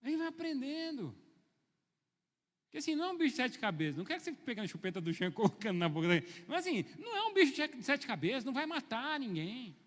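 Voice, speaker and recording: A middle-aged male pastor preaching a sermon, telling stories and swinging from soft asides to loud, emphatic calls. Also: extremely high pitch, big pitch swings, fast, in a large hall.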